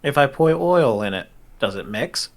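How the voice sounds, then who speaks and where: A man with a medium-pitched voice plays a tabletop game. He talks casually in character, in a plain, matter-of-fact way. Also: lively intonation, normal speed.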